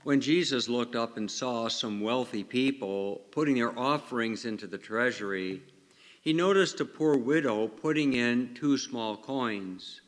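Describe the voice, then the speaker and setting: A man's voice: medium pitch, a little slow. A man, a parish priest, reads the Gospel and preaches in a plain-spoken way, asking the congregation questions, with a long cathedral echo around his voice. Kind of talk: Gospel reading and conversational homily. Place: large church. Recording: long echo of a large church.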